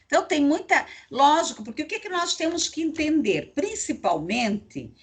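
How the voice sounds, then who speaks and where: A woman's voice: high voice, sing-song, normal speed. A middle-aged woman teaching psychology in an online class, chatty and full of tag questions to her students.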